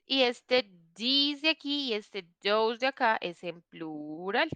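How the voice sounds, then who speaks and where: A woman's voice: fairly high pitch, animated, takes it slowly, pushed and bright, clean tone, dry recording. A woman teaching an online English class, explaining patiently and checking in often with her students.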